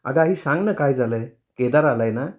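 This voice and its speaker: A man's voice: medium pitch, lively intonation, fairly quick, close to an everyday voice. A man voicing a caring grown daughter who anxiously questions her mother. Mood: concerned. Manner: concerned, coaxing.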